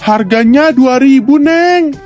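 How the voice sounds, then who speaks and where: A woman's voice: high voice, lively intonation, darkish tone, soft background music. A woman voicing a friendly, patient male corner-shop owner in a toy story video, speaking politely and without hurry. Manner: polite, unhurried shopkeeper talk.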